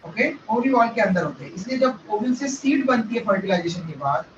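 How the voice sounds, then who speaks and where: A high-pitched man teaches a classroom lesson, going step by step and checking in with his students, with English terms mixed into his speech. He is heard from a distance in a roomy, echoing space. The recording sounds dull, with faint noise underneath. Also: big pitch swings, fairly quick. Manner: mixes Hindi with English terms. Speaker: biology teacher. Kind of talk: classroom lecture.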